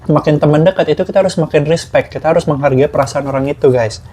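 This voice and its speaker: A man's voice: fairly high pitch, rapid-fire, dark tone, a little hiss or hum. A man from Indonesia hosting a casual chat over a meal, earnest and chatty, slipping English phrases into his talk. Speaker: vlog host.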